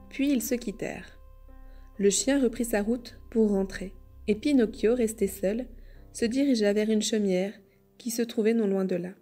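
A woman reading a classic children's story aloud in measured storyteller narration. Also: medium pitch, warm tone. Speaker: audiobook reader. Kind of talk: scripted narration.

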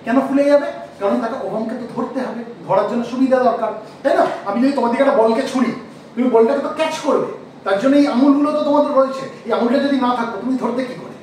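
High-voiced man lecturing in an echoey room. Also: a little mellow, a little hiss or hum. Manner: asks the class questions and repeats key terms slowly. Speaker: teacher. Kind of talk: classroom lecture. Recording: echoey room, mic far off.

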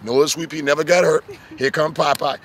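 A man preaching casually outdoors as a street preacher, telling animated stories and acting out little voices. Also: on the high side, normal speed, slight background noise. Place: outdoors in the sun.

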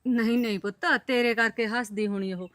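A woman's voice: fairly high pitch, fairly even intonation, a little fast, a bit bright, no room sound, studio quality, natural voice. A woman playing a bossy village mother. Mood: firm, protective. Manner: bossy, scolding. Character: homely village mother, protective and firm. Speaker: mother and aunt. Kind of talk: film acting.

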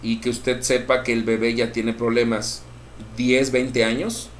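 A man's voice: medium pitch, little pitch movement, unhurried, roomy sound, slight background noise. A man preaching a sermon as pastor, with impassioned, emphatic appeals that swell in force.

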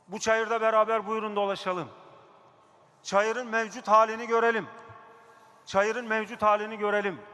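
A man's voice: high voice, pushed and bright. A district mayor speaking at a pulpit microphone in a council chamber, emphatic and repeating his key phrases. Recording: long hall reverb.

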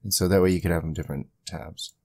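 A tutorial host with a low, gravelly voice walks through software steps on screen, talking fast and casually and rambling a little as he thinks aloud. His intonation stays fairly even, and the recording is dry.

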